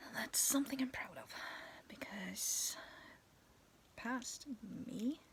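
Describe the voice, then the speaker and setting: A young woman vlogs to her viewers in a soft, raspy whisper, telling a spooky ghost story to camera and giggling now and then. Her voice is fairly high, cracking, and slow-paced. She sits in a dim bedroom lit by fairy lights, recording on a phone or webcam at arm's length.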